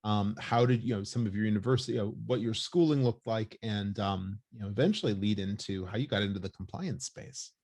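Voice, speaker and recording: A man's voice: fairly low pitch, fairly quick, hardly any pauses, a little mellow. A man hosting an interview, asking his guest questions in a casual, encouraging way with many fillers. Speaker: interview host.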